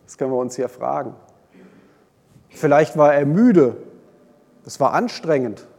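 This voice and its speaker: A man preaching a sermon, retelling a Bible story with lively swings between loud and hushed delivery. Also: a little high, unhurried, gravelly. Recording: long hall reverb.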